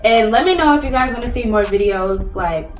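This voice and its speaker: A woman's voice: fairly high pitch, animated, a little fast. A young woman hosting her channel in a laid-back, slangy casual chat. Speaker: channel host. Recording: echoey room, mic at a distance, music underneath.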